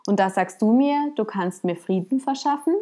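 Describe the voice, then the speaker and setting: A woman's voice: mid-range voice, lively intonation, moderate pace, warm tone, close to an everyday voice. A woman voicing a frustrated wealthy man who complains and wails in a told story. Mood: pleading. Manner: complaining, wailing.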